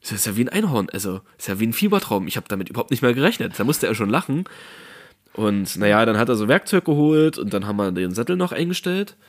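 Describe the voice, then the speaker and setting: A man's voice: on the low side, sing-song, quick pace. A man telling a story in casual chat, acting out phone calls with raised voices.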